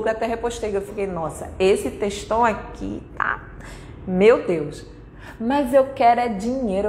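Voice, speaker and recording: A woman in her thirties with a Brazilian accent, giving a blunt, emphatic and repetitive motivational talk at a conference. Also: medium pitch. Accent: Brazilian Portuguese. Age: 30s. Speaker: conference speaker. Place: conference hall. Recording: echoey hall, faint noise.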